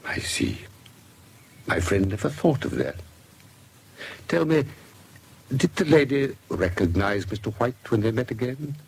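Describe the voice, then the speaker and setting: An actor playing a shrewd English doctor and investigator in a British radio drama, speaking in a precise, deliberate, formal way. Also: male voice, medium pitch, very animated, gravelly, a little mellow, husky, full character voice. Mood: curious, wry.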